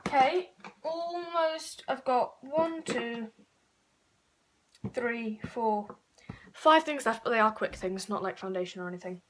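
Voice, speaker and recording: A woman's voice: high-pitched, a little hiss or hum. A woman chatting her way through a makeup tutorial, rambling and correcting herself as she goes. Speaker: beauty vlogger.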